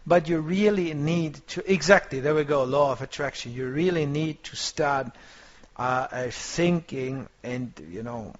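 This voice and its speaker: A man's voice: on the high side, measured pace. A man teaching a trading course, coaching his students in a motivational way and often searching for words. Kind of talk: online course lecture. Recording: dull lo-fi compressed audio.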